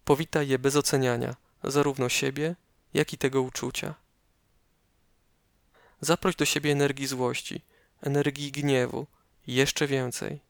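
Close enough to seem right in your ear, a man with a gravelly mid-range voice narrates a guided meditation. He moves slowly and calmly through measured instructions with pauses, and there is no echo.

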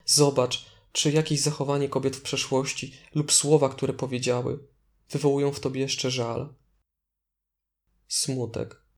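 Male meditation guide, mid-pitched and level, calm, deliberate delivery with gentle instructions.

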